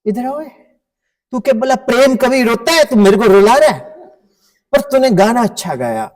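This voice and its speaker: A man's voice: very high voice, animated, moderate pace, darkish tone, pitched above the performer's own voice. A man voicing a stern middle-aged male Hindi teacher who scolds, then grudgingly praises. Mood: scolding. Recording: long hall reverb.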